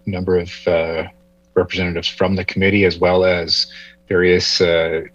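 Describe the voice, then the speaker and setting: Male manager reporting to committee, deep flat voice, halting delivery, muffled audio. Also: no room sound. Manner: halting, many hesitations. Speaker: transportation manager. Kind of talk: informal meeting update. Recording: dull, lo-fi meeting audio.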